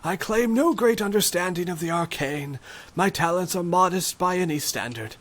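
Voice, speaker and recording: A man's voice: sits high, normal speed, voice pushed up. A man voicing a meek, humble old magician in a storybook, with a shaky, raised old voice. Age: older. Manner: meek, apologetic. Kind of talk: storybook character read aloud.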